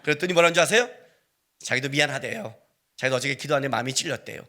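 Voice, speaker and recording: A man's voice: mid-range voice, racing, sharp tone. A male pastor preaching a sermon in a church, telling a personal story with acted-out dialogue and asking the congregation questions. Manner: conversational, asks the congregation questions. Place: church sanctuary.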